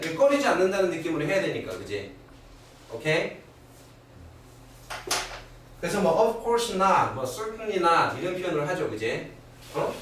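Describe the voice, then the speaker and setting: A middle-aged man teaching English grammar in a classroom lecture, constantly checking in with his students. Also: fairly high pitch. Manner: animated, keeps asking "그지?" and "오케이?". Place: academy classroom. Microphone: far camera. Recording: very echoey old classroom recording from far off, faint hiss.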